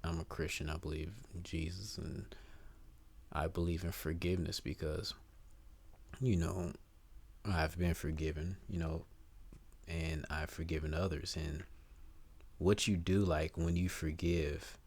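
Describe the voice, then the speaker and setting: A man in his thirties speaks as a guest on a casual podcast, his voice very low. He talks in an easygoing, halting way, often pausing to find words and dropping in "man" and "I'ma.". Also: little pitch movement, a little mellow.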